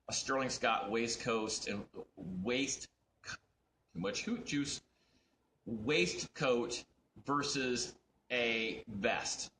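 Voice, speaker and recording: A fashion designer from the United States chats loosely into his phone camera, his bright voice swinging up and down as he rambles and curses. The room around him is echoey, with a faint hum of ambience behind. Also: medium pitch. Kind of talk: casual livestream chat. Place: indoors at his design studio. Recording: roomy echo.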